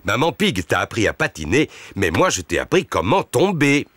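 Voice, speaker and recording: A man's voice: mid-range voice, big pitch swings, normal speed, a bit bright, no echo, clean studio sound. A man voicing a jovial, kindly, overconfident daddy pig in a preschool cartoon dub, with a hearty, reassuring manner.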